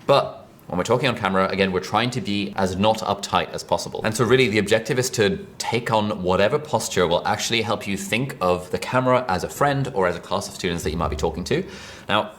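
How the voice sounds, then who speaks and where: A British man teaching an online course, talking casually and chattily to camera from a desk. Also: lowish voice. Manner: relaxed, chatty, fast-talking. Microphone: mic above speaker, seated at desk.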